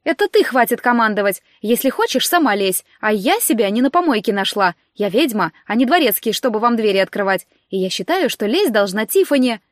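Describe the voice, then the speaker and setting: A spiteful young witch with a cutting, scornful tongue, as a woman narrator voices her in an audiobook fantasy tale. She speaks a little high and forceful. The sound is close and dry. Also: sing-song, brisk, hardly any pauses, dry recording. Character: haughty spiteful young witch, bossy rival.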